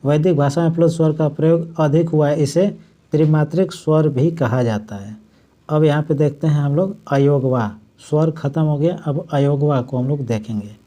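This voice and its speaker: A man teaching a Hindi grammar lesson, his voice fairly high for a man but warm and mellow. He explains each point step by step, restates it in simpler words, and draws out the example words slowly. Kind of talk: exam-prep grammar lesson.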